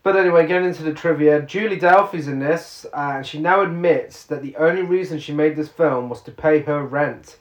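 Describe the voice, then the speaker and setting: A man's voice: on the high side, a little fast, few pauses. Sarcastic man reviewing a film. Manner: sarcastic, laughs often, reads trivia aloud. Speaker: podcast co-host. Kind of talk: casual film review chat. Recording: roomy, muffled sound.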